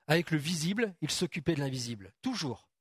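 A middle-aged man preaching a sermon in a church hall, animated and asking the congregation questions directly. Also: a little high, fast, slightly rough, clean studio sound.

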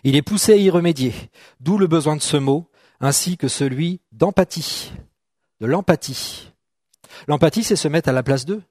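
A man's voice: a little high, moderate pace, darkish tone, dry recording, studio quality. A middle-aged man preaching a sermon to a congregation in a conversational way, often checking in with "d'accord?" and joking with people in the room. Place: church hall.

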